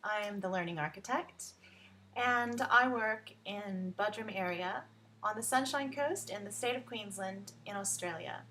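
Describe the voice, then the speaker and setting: A Texas woman with an American Texan accent introduces her work as an education advocate, coach and tutor, talking informally to camera to explain her service. Her mid-range voice sounds pushed and bright, moving at a moderate pace, with a little hiss or hum in the recording.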